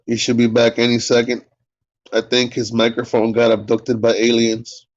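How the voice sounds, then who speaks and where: Co-hosting a live sports talk stream, this man chats casually with the viewers in the chat and cracks sarcastic jokes. He speaks at a moderate pace in a monotone, medium-pitched voice, over dull lo-fi stream audio.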